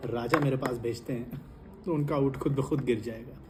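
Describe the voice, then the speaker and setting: A man playing a smug, scheming business tycoon who speaks in a low, slow, gloating drawl. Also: steady tone, roomy sound, over music, natural voice.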